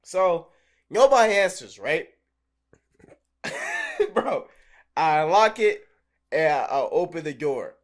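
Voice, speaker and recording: A young man co-hosting a podcast, telling profane, animated stories and acting out scenes in casual chat. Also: high-pitched, takes it slowly, pauses often. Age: young adult. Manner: profane, animated storyteller who acts out scenes. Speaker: podcast co-host.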